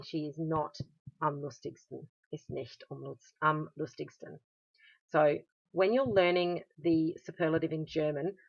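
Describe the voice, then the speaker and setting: An Australian woman with a low voice talks a class through a grammar lesson, patient and steady, pausing on "um" as she explains. The recording sounds dull and lo-fi. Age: adult. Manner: patient, explanatory, with frequent "um" fillers. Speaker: German teacher.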